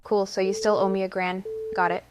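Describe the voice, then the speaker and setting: A woman's voice: mid-range voice, flat delivery, a little fast, noisy background. A woman playing a quiz game as the host's friend, answering with confident, teasing banter.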